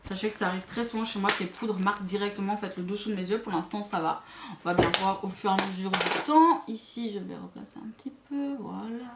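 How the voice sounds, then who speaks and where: A woman's voice: mid-range voice, fast, heavy background noise. A woman with a Belgian or Swiss French accent reviews makeup to camera in a chatty way, full of asides to her viewers. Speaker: beauty vlogger. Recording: echoey room.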